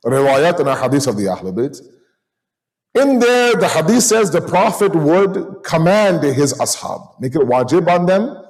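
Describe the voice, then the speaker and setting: Higher-voiced man giving a sermon. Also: darkish tone, rough recording. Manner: conversational, storytelling, code-switches into Urdu and Arabic terms.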